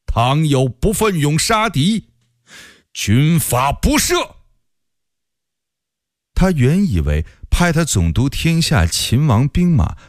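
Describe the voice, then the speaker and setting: A man narrating a historical story for radio in an expressive, unhurried way. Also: lowish voice, no echo, studio quality. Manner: expressive and unhurried, with wide swings of voice. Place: radio studio.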